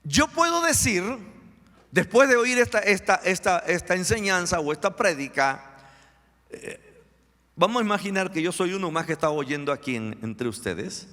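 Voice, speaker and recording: A man's voice: sits high, animated, moderate pace, pushed and bright. An older man, a pastor preaching a sermon and acting out the dialogues of his own stories. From Mexico. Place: church sanctuary. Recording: echoey church hall with long reverb.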